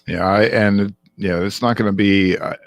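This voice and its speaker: Halting low-voiced man reading tech news. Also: steady tone, dry recording. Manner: halting, many ums and restarts. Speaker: podcast co-host. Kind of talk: casual tech news chat.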